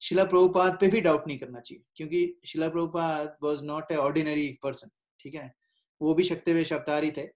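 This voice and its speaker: A man's voice: fairly high pitch, steady tone, normal speed. A man giving an informal spiritual class in a conversational way, mixing in English phrases and often checking in with his listeners. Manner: mixes in English words and phrases. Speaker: devotional speaker.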